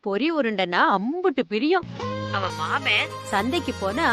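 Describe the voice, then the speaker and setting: An actress playing an affectionate, homely village aunt in a TV serial. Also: female voice, on the high side, sing-song, moderate pace, over music. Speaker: Senthil's aunt. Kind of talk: TV serial acting.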